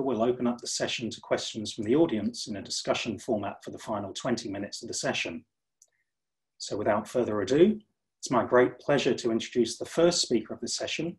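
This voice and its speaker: A man's voice: mid-range voice, poor audio. Male moderator reading a formal introduction. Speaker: session moderator. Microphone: video call.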